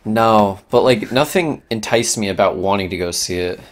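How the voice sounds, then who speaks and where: A man co-hosting a casual podcast, excitable and swearing, often trailing off mid-sentence. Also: on the low side, normal speed. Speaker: podcast co-host. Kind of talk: casual chat.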